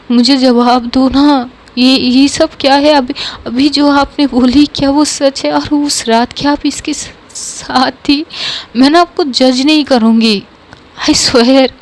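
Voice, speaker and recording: Brief: heartbroken young woman pleading through tears, slow and high-pitched, read by a woman storyteller. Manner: tearful, pleading, repeating please. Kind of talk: storytelling narration.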